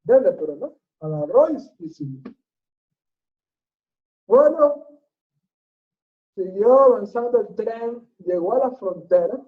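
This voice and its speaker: A Torah teacher telling a story in a sermon, animated and repeating phrases in a rhythmic way. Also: medium pitch. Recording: tinny phone-like sound.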